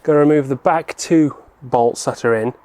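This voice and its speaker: A man's voice: mid-range voice, moderate pace, a little mellow, no echo. A man presenting a car repair vlog, explaining each step informally as he works. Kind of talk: casual hands-on how-to narration.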